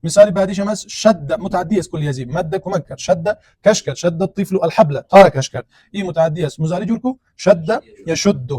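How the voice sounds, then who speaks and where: A man's voice: high voice, mellow, breathy edge, no echo. A man teaching a grammar lesson, explaining step by step and asking and answering his own questions. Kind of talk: classroom lecture on grammar.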